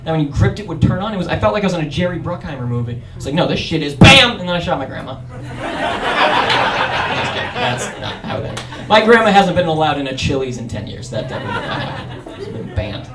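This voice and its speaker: High-voiced man doing stand-up in a club. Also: quick pace, over music. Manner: energetic storytelling, acts out voices. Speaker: stand-up comedian. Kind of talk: stand-up comedy set. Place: comedy club in front of a crowd. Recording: roomy club sound from a distance with audience.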